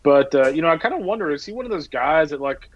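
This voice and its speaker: Man, baseball analyst, slightly high voice, muffled call audio, musing questions. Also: animated, quick pace, dry recording. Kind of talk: live panel discussion.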